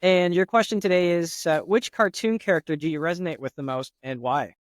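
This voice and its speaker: Male podcast host, hesitant and filler-heavy, higher-pitched, dry sound. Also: a little fast, no room sound. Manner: hesitant, many fillers and restarts. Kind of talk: interview hosting.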